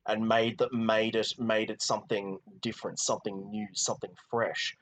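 A man's voice: on the low side, flat delivery, moderate pace, fairly bright tone, rough recording. A man co-hosting a film podcast, talking casually and rambling, with many restarts and "you know"s. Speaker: podcast co-host. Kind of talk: casual film review chat.

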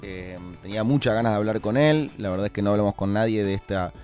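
Man, Argentine accent, podcast host, low pitch, hesitant, faint background music. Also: fast, darkish tone. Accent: Argentine Spanish. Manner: hesitant, many restarts and fillers. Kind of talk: casual interview conversation.

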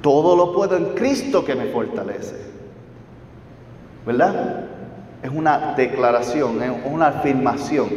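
Male Bible study teacher, methodical, checks in with the room with quick questions; recorded from a distance in a large echoing hall, a bit dull. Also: mid-range voice, animated, darkish tone, a little hiss or hum. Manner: explains step by step, asks listeners questions.

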